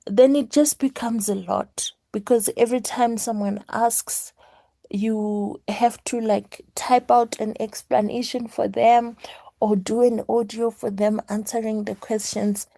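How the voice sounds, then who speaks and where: Hoarse, gravelly woman teaching slowly. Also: a little high, steady tone, mellow, no echo. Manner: earnest, repeats key points. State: hoarse morning voice. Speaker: network marketing leader teaching a class. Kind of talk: motivational teaching talk.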